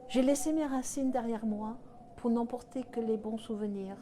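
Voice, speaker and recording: A woman calmly reciting a reflective spoken-word piece, ambient noise behind. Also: on the high side, moderate pace. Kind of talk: poetic spoken-word narration.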